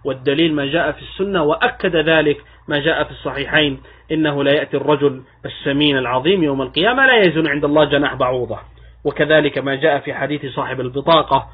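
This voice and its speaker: A man sheikh teaching a religious creed lesson, explaining step by step, slowing down to recite texts and posing questions he then answers. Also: a little high, slightly rough. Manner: asks rhetorical questions and then answers them. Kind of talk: religious lecture in formal Arabic. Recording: narrow phone-like audio.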